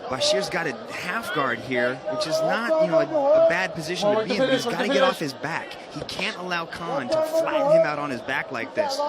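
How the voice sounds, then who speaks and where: A man's voice: high voice, huge pitch swings, brisk, few pauses. A man giving live colour commentary on a fight, explaining it conversationally. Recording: loud arena crowd and noise. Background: crowd and arena noise.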